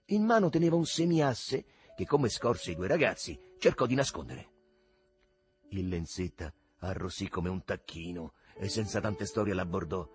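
A middle-aged man reading a novel aloud in an expressive storytelling manner, recorded close. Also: low-pitched, normal speed. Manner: expressive, acts out the dialogue. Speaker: narrator.

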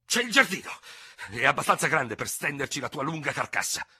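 A man reading aloud voicing a hot-headed young hussar officer, shouting and taunting his rival in fury. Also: fairly high pitch, very animated, fairly quick, breathy edge, pitched above the performer's own voice, exaggerated voice. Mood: raging, taunting. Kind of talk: dramatic audiobook reading.

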